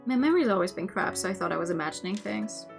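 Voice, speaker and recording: A woman's voice: medium pitch, animated, rapid-fire, creaky, music in the background. A woman voicing a brash, cocky young male delinquent in a horror game, with slangy punk talk. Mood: rattled, complaining.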